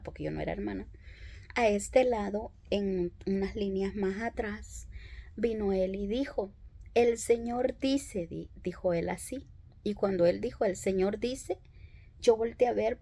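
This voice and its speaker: A woman telling her conversion story as a church testimony, in an unhurried, reflective way with frequent hesitations. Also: medium pitch, mellow, breathy edge. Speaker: preacher giving testimony. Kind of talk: personal testimony in a church talk.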